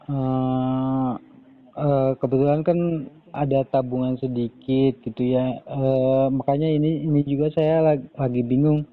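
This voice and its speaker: A man, a bank customer talking casually on speakerphone in a halting, hesitant way. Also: medium pitch, little pitch movement. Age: 40s. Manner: hesitant, halting with many pauses. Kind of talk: casual phone conversation. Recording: tinny phone line.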